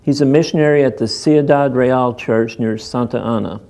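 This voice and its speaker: Mellow-voiced man narrating a mission report. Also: medium pitch, moderate pace. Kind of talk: documentary narration.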